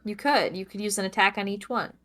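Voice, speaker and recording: A woman's voice: medium pitch, fast talker, fairly bright tone. A woman narrating as game master in a casual tabletop session, laughing and humming while she checks the rules.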